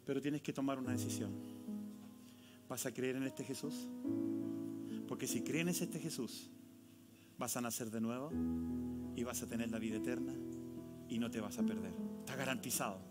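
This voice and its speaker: A man with a Chilean accent, a pastor preaching a sermon and leading an altar call, swinging from loud questions to hushed, intimate tones. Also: mid-range voice, moderate pace, long pauses. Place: church sanctuary. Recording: live church sound with loud guitar music behind. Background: guitar music.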